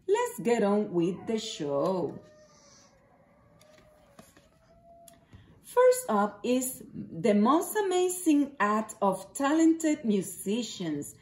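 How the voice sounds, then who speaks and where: A woman plays a girl circus ringmaster from a storybook, showy and welcoming. The announcements are high and animated, delivered at an unhurried pace in a roomy home. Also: full character voice. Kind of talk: ringmaster announcements read from a picture book.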